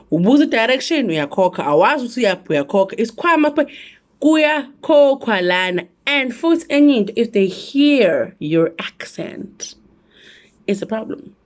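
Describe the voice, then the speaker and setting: A woman from South Africa with a South African accent, telling a travel story in a casual, animated vlog with lots of asides. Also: medium pitch, normal speed. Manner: animated, chatty, full of asides. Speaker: travel vlogger.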